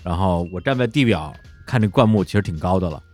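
A man with a very deep voice hosts a podcast conversation. He asks calm, measured questions and keeps the talk going with short affirmations. Faint music plays softly behind him. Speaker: podcast host. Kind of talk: casual conversational interview.

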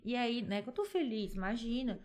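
A woman with a Brazilian Portuguese accent in casual conversation, telling personal stories in a lively way, acting out her own past words and laughing often. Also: on the high side, a little fast.

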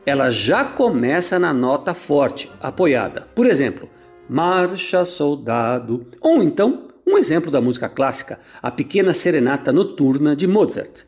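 A man with a Brazilian Portuguese accent explains music to radio listeners in a patient, teacherly way, and his pitch rises and falls with lively emphasis. He sits a little high for a man. Now and then he sings short snatches of melody, over faint music in the background. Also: moderate pace, few pauses. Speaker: conductor answering listener questions.

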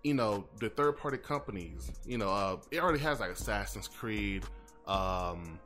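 A man's voice: fairly low pitch, lively intonation, moderate pace, fairly bright tone, faint music behind. A man hosting a casual podcast, laid-back and loose, stumbling over repeated words. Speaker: podcast host. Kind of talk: casual chat.

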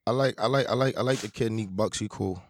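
A man's voice: on the low side, fast talker. A man in his twenties, a guest chatting casually and bluntly in street slang, often repeating himself. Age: 20s. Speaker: interview guest, rapper. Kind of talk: casual banter.

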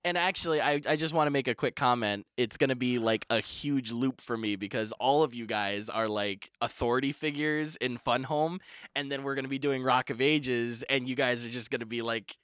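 A man's voice: medium pitch, fairly even intonation, normal speed, fairly bright tone, smooth, no room sound, clean studio sound. A young man chatting as a podcast guest, talkative and laughing easily, with lots of filler words. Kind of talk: casual chat. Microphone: studio podcast mic.

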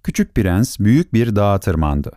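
Brief: male audiobook narrator, low mellow voice, dry close mic, gentle measured storybook reading. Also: very animated, no echo.

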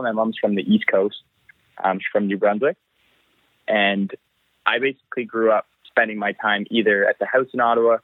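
A man's voice: on the low side, dry recording. A man from Canada, a race car driver, talking over the phone in an interview and often repeating words as he thinks. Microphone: phone line. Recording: tinny dry phone line.

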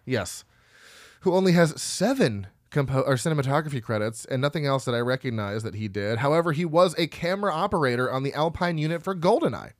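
A man's voice: medium pitch, animated, fairly quick, dry recording. Male podcast co-host, casual and self-mocking, trips over names, dead-dry booth sound. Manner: rambling, laughs at himself, stumbles over names. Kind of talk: casual chat reading film credits.

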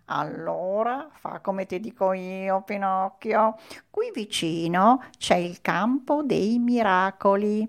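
A woman voicing a sly blind cat in a storybook reading, talking in a slow, coaxing way. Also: mid-range voice.

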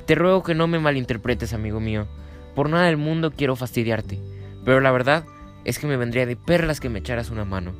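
A man's voice: medium pitch, expressive, fairly quick, faint music behind, natural voice. A man voicing a polite, exhausted young donkey who pleads, in a children's storybook reading. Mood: polite pleading.

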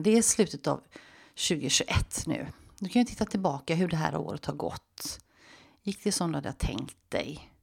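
A woman life coach hosting her own podcast, talking straight to the listener in a conversational coaching tone and guiding a visualization, sometimes dropping to a hushed half-whisper. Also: low-pitched, vocal fry. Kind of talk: solo podcast monologue with guided visualization.

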